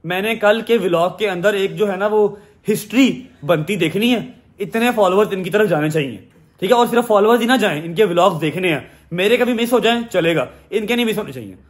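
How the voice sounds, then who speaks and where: A man's voice: sits high, brisk. Teasing man. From Pakistan. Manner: warm, teasing, emphatic. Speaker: vlogger. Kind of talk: casual family vlog talk.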